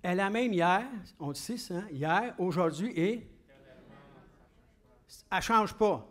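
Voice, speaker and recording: A man with a Québécois French accent preaches to his congregation in a quick, conversational way. He keeps asking them questions as he goes. His voice sits noticeably high for a man. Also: lively intonation. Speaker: pastor. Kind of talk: sermon.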